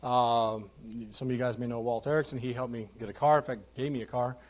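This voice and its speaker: A man's voice: medium pitch, brisk. A man in his thirties giving a candid, joking testimony sermon in a church. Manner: candid, jokey, animated storytelling. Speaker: guest preacher. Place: church sanctuary.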